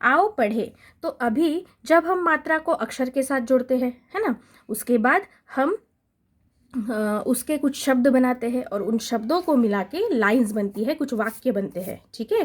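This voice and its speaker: A woman teaching young children a Hindi lesson, reciting syllables and words slowly and checking in with them often. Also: a little high. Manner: repetitive, checks in with "है ना?" and "ठीक है?". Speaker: primary school Hindi teacher. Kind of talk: slow classroom recitation.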